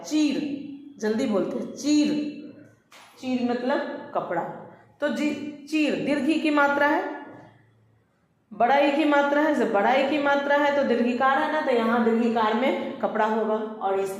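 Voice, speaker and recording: A woman teacher speaks in a slightly high voice, patient and repetitive as she drills young pupils on grammar. She stretches example words out slowly to show their stress. Her voice rings through a very echoey room with a long reverb tail. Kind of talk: online Hindi grammar lesson for children.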